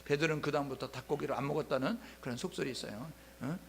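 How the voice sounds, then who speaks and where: A man's voice: fairly high pitch, racing, vocal fry, a little hiss or hum. A male pastor preaching a sermon, telling Bible stories animatedly and asking the congregation rhetorical questions. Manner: animated storytelling, acting out biblical scenes in dialogue.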